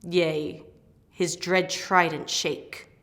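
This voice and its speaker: In a declamatory Shakespearean stage reading, a woman actor plays an eager, proud airy spirit servant, her mood vivid and excited and her lines emphatic. Her lowish voice is a bit bright, but the delivery is flat and very slow.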